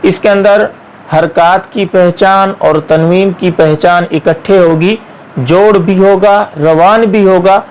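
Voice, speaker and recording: A man's voice: sits high, fairly even intonation, takes it slowly, a little mellow, poor audio. A man teaching Quran reading, patiently spelling out syllables one by one and drawing out each sound. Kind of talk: slow step-by-step recitation lesson.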